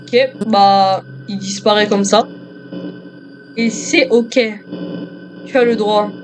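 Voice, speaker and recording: A male gamer gives joking commentary on a horror game, chatting to himself and his viewers. His voice sits fairly high. A faint hiss runs under the recording. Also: little pitch movement, slow.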